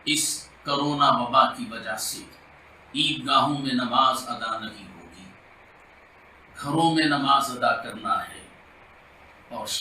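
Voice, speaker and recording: Bright-voiced imam praying in an echoey mosque. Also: male voice, mid-range voice, recorded from a distance, slight background noise. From India. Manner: slow chanted prayer, drawn-out lines. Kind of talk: Friday sermon supplication.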